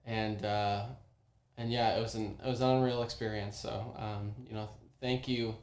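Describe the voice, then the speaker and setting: A young man casually telling a personal story, animated, with many ums and restarts. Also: fairly low pitch, moderate pace. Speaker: former oyster bar worker telling a story. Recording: roomy echo.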